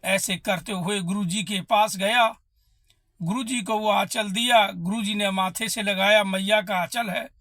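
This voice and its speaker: A man's voice: high voice, steady tone, measured pace, a bit bright, no echo. A man telling a devotional story, emotive and addressing listeners as brothers.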